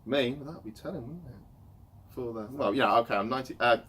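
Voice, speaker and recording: A man's voice: medium pitch, a little fast, a bit bright, breathy edge. A man in his late twenties, hosting a casual chat and rambling along with fillers. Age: 20s. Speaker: host. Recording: light background noise.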